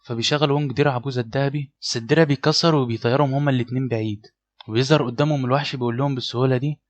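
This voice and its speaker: A man with an Egyptian Arabic accent narrating a story recap in a brisk scripted style. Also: mid-range voice, steady tone. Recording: slightly dull lo-fi audio, faint music.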